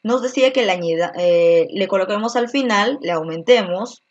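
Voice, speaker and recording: A woman's voice: medium pitch, normal speed, lo-fi sound. Woman, teacher, online grammar lesson, patient step-by-step explaining, frequent tag questions, mid-range voice.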